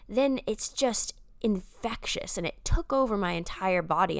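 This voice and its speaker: A woman's voice: mid-range voice, dry recording, clean studio sound. A young woman, a runner, giving an upbeat, chatty voice-over analysis of her own race, with casual fillers.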